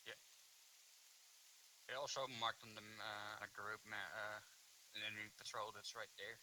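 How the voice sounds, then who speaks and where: A man's voice: lowish voice, little pitch movement, unhurried, noisy background. A man giving a casual report in tactical game voice chat.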